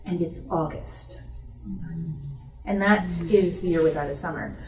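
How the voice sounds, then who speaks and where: At a book event in a bookstore, a woman with a lowish voice takes audience questions a little slowly, with soft background music playing. She explains things informally and conversationally, and the distant mic gives the room a roomy echo.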